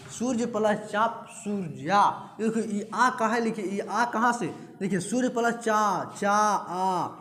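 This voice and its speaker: High-voiced male teacher drilling a class. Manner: repetitive drilling, asks and answers own questions. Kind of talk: classroom lecture. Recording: echoey room, faint background hiss.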